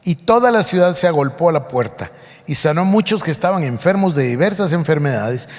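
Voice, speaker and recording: A man's voice: on the high side, lively intonation, fairly quick, darkish tone, long reverb tail. A man preaching a sermon, reading scripture aloud and explaining it with emphasis. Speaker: pastor.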